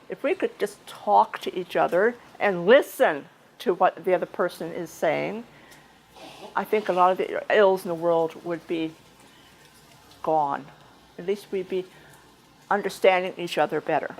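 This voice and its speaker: A woman's voice: lowish voice, normal speed, creaky, rough recording. A woman giving an informal, chatty speech at a club meeting, talking conversationally with frequent restarts and asides. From United States.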